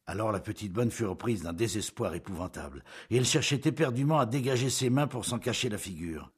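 A man narrating a classic novel as an audiobook in a measured, expressive storytelling manner. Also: fairly low pitch, slightly rough.

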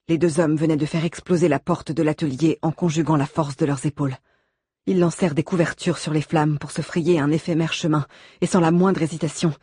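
Audiobook narrator, suspenseful measured delivery, husky texture, dry booth sound. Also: mid-range voice, darkish tone, dry recording.

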